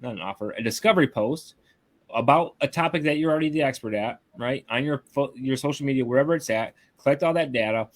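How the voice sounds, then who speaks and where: A man's voice: medium pitch, fast. Guy coaching marketing over a video call, laid-back, keeps going "right?". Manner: casual, tags lines with "right?". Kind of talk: live webinar teaching.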